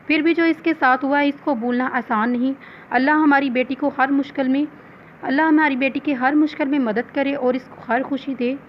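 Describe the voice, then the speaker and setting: A woman's voice: sits high, lo-fi sound, a little hiss or hum, lightly acted. A woman reading the lines of a tender, prayerful middle-aged mother in a recorded novel.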